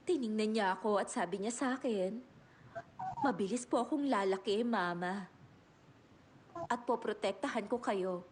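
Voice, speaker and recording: A woman's voice: medium pitch, a little slow, long pauses, slight background noise, natural voice. A woman dubbing a tender middle-aged mother who talks emotionally and tears up about her son. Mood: tearful. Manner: emotional, tearful, self-deprecating. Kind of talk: Tagalog dub of a drama.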